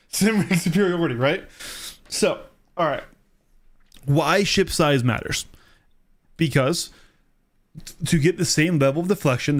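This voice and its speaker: Man, game streamer, slightly higher voice, casual explainer, step-by-step, checks in with listeners. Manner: explains step by step, adds tag questions like "right?" and "okay?".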